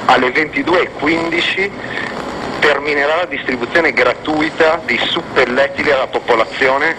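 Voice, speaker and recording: A male musician talking casually on radio, with mock-formal deadpan humour. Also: fairly high pitch, normal speed, background noise. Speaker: musician promoting a gig.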